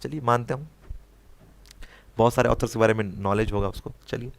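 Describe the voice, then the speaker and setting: A man's voice: medium pitch, a little fast, gravelly. Young indian guy teaching exam prep online, mid voice, keeps asking "right?" as he explains answers. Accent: Indian English. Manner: explains answers, mixing Hindi with English phrases, often asks "है ना?".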